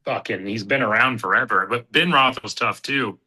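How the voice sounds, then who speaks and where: Speaking at a moderate pace with a medium pitch, a sharp tone and a breathy edge, this thirtysomething bare-knuckle fighter from Kansas City is a casual interview guest. His talk wanders, full of fillers and false starts.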